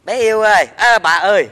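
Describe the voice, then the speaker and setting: A man's voice: high-pitched, sharp tone. A man with a Southern Vietnamese accent in a stage comedy sketch, talking in a sheepish, wheedling way and often laughing.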